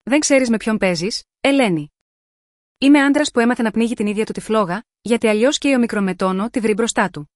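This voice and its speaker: A brooding, tormented man who holds his passion back, read by a woman narrator. His lines come low, strained and intense. The voice stays a little high and dry, in a storybook romance. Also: no room sound, natural voice.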